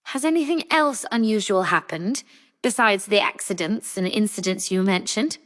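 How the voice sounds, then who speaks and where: A woman voicing a sharp young female apothecary, dry and matter-of-fact. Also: medium pitch, normal speed, big-room sound, close to an everyday voice.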